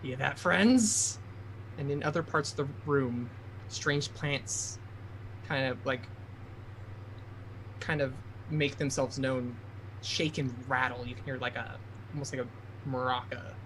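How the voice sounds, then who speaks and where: Game master, male, medium pitch, narrating a tabletop session with faint background noise. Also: level tone, a little slow, pauses often, fairly bright tone, poor audio.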